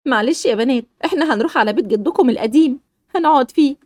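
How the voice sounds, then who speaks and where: A woman voicing a patient, soothing mother of daughters, speaking in an Egyptian accent, lower than her own voice. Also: expressive, rapid-fire, darkish tone, no echo, clean studio sound. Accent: Egyptian Arabic. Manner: soothing, reassuring.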